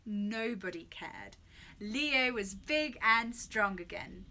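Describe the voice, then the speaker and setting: A woman reading a children's story aloud with expressive, animated storytelling. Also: mid-range voice, slow pace.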